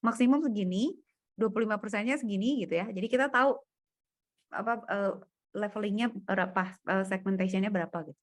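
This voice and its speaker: Woman tutoring one student on data science, chatty and casual, talks thru the code as she goes, mid pitch. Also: quick pace. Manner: casual, thinking aloud while walking through code. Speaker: coding tutor. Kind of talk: private coding lesson over screen share.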